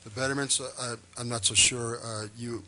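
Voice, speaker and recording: A man with a bright, forceful voice addresses a town board from a meeting-room table microphone. He speaks emphatically and reassuringly, with formal courtesy. His delivery sounds like an official giving public testimony. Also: medium pitch, steady tone, a little fast.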